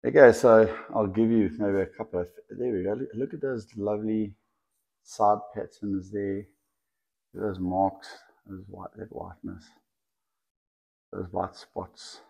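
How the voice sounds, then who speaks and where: A man showing off a lively python outdoors on camera, chatty and laughing, talking to the snake as it wraps around his clip-on mic. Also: fairly low pitch, measured pace, creaky, lo-fi sound. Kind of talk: casual hands-on video chat. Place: outdoors in the sun. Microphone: clip-on mic the snake keeps wrapping.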